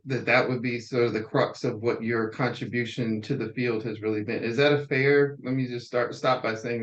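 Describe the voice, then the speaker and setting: A man hosting an interview, framing long, careful questions in a conversational tone. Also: mid-range voice. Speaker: interviewer host. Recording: dull lo-fi audio.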